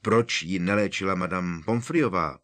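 A man's voice: sits low, fairly bright tone. A man voicing an eager teenage schoolboy wizard in an audiobook reading, blurting out questions. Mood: earnest. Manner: blurting, hesitant with elders. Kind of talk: audiobook character voice.

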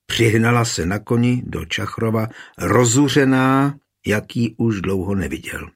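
A man reads a historical novel aloud as an audiobook narrator, in a steady storytelling manner. His voice is low and husky, even and unhurried. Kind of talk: scripted narration.

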